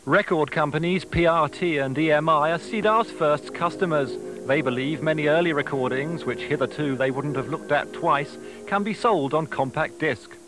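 A man with an English accent and a slightly high voice reads scripted narration as a television news reporter, at a moderate pace with few pauses. Music plays behind him in this home off-air TV recording.

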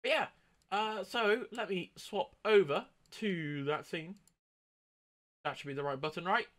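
A man's voice: high-pitched, a little slow, a bit bright, no echo, clean studio sound. Upbeat man streaming a train game. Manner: upbeat, chatty, with sound-effect exclamations. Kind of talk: casual gameplay commentary.

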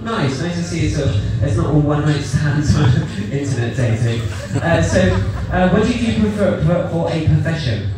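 A man hosting a live stage game show, playful and quick to laugh. His voice swings up and down and rings through a big echoey theater. It is heard from far off, with music and a crowd in the background. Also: a little high, lively intonation. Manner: bubbly, teasing, laughs often. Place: large theater stage on a cruise ship. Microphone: handheld mic heard from the audience.

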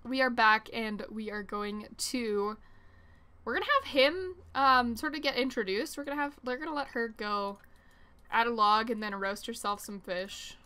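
A woman's voice: fairly high pitch, fairly even intonation, moderate pace, bright, forceful tone, clear, resonant tone. A young woman chatting casually as she plays a life-simulation game, rambling and reacting with surprise. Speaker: let's play host. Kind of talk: casual gameplay commentary.

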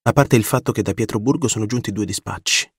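A man narrating a classic novel as an audiobook, with an expressive, dramatic reading. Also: on the low side, fast, slightly rough, dry recording, studio quality. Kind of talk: scripted literary narration.

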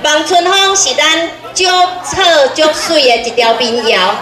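A woman's voice: high voice, expressive, a little slow. A middle-aged woman with a Taiwanese accent hosting a community stage event, calling out to the audience in a folksy way with repeated urgings. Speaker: event host. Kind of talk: live stage announcing in Taiwanese Hokkien. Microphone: handheld microphone through PA speakers. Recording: echoey outdoor PA with crowd noise. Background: crowd noise.

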